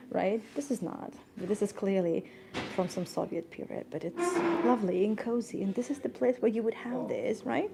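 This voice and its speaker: A woman vlogger talks casually from a cozy garden café, thanking viewers and laughing often. Her voice has a gravelly, fry-tinged edge. The live-stream recording carries plenty of background noise. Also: medium pitch. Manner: chatty, grateful, laughs often, stumbles over words. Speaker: tour guide vlogger.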